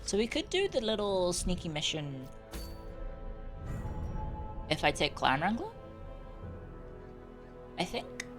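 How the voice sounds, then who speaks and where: Commentating a game on a casual live stream, a woman reacts with exclamations and chatty remarks over the game's background music. She speaks slowly with long pauses, in a lowish voice that swings hugely in pitch.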